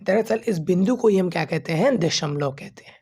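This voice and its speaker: A man's voice: high voice, animated, fairly quick, darkish tone, breathy edge. A man teaching a maths lesson to students, explaining step by step and asking and answering his own questions in a casual, friendly way. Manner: informal, calls students 'bachche' and 'bhai'. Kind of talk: classroom-style video lesson.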